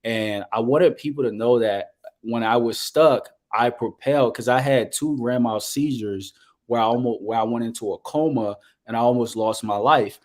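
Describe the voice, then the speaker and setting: A Liberian man in his thirties, appearing as a guest business coach, talks over a video call in a casual interview. His medium-pitched voice has a darkish tone, and he speaks earnestly and in a measured, steady way, using lots of fillers.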